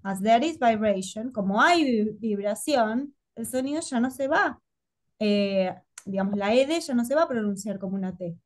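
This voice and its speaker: A woman's voice: on the high side, lively intonation, moderate pace. A woman with an Argentine accent, teaching English in an online class. She drills pronunciation patiently and keeps checking that her students follow. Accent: Argentine Spanish. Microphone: video call.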